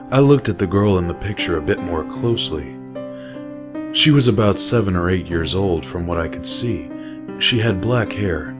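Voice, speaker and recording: A man with a very deep voice narrates a scripted horror story. His reading is measured and unhurried. A clear music bed plays under his voice. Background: music playing under the voice.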